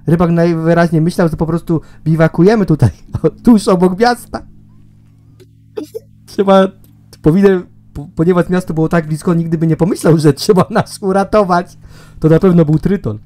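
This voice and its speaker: A man's voice: a little high, fairly even intonation, moderate pace, dark tone. A man reading a story game aloud in a let's play, with laughs and swearing between lines.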